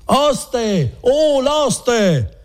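A man voicing a frightened, indignant young male peasant who protests loudly, in a husky voice. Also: very high-pitched, sing-song, very slow, pitched above the performer's own voice, full character voice. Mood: shouting. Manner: loud, protesting.

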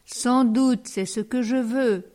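A woman's voice: on the high side, takes it slowly, a little mellow. A woman voicing a pompous, pedantic elderly man who weighs every word, in a read storybook. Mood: fussy. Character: fussy pompous elderly male parishioner.

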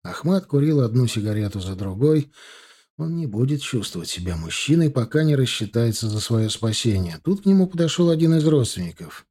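A man reading an audiobook in calm, even narration. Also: mid-range voice, a little fast, husky. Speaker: audiobook reader. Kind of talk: scripted narration.

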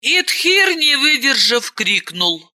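A woman reads a story aloud with dramatic, expressive delivery. Her pitch swoops widely and her pace is unhurried. The tone is bright and clear. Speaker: audiobook narrator. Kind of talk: scripted narration.

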